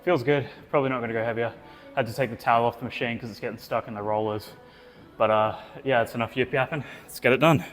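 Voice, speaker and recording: A man's voice: medium pitch, steady tone, fast, a bit bright, faint music behind. A man vlogging his gym workout in a casual, sweary chat, out of breath between sets, recorded in an indoor gym. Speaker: fitness vlogger. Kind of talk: casual gym vlog narration.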